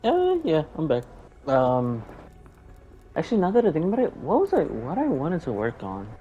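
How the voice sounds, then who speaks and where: A man's voice reaches the listener through a robotic, glitchy voice-chat connection that sounds dull and lo-fi. His tone is mellow and dark. Faint music plays underneath as he thinks out loud in casual gaming talk. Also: fairly high pitch, wildly swooping pitch, moderate pace. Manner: hesitant, thinking aloud. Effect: robotic, glitchy voice-chat audio. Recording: dull, lo-fi online voice-chat line.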